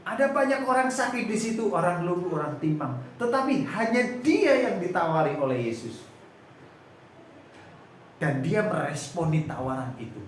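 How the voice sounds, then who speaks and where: A man preaching a church sermon, dramatizing the story and pausing often with searching fillers. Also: fairly high pitch, a little hiss or hum. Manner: dramatizes the story, acting out voices. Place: church hall. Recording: very echoey church hall.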